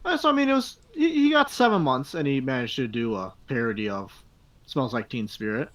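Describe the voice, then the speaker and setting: A man's voice: mid-range voice, expressive, fairly quick. Enthusiastic man chatting about music. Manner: chatty, enthusiastic, thinking aloud. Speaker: podcast co-host. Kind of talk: casual chat.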